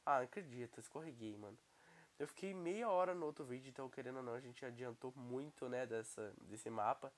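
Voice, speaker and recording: A young man with a Brazilian Portuguese accent talks through his gameplay in a loose, chatty way. He keeps breaking into excited exclamations at what he sees on screen. He has a cold, and his voice sits at an ordinary middle pitch. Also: fast. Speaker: gaming YouTuber. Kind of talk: casual gameplay commentary.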